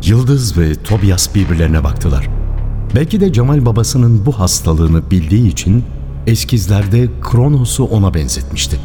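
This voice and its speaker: A man narrating a radio drama in a measured storytelling manner. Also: lowish voice, animated, mellow, soft background music. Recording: long hall reverb.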